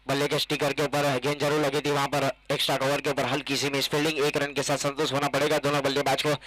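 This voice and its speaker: A man with an Indian accent giving excited live ball-by-ball cricket commentary as the match announcer. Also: medium pitch, fast talker, dry recording, rough recording.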